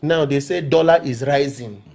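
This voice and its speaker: A man's voice: fairly high pitch, moderate pace, vocal fry, a little mellow. Emphatic Nigerian man, preaching tone. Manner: emphatic, preaching, repeats himself with "do you understand me?". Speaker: actor guest. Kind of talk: interview talk.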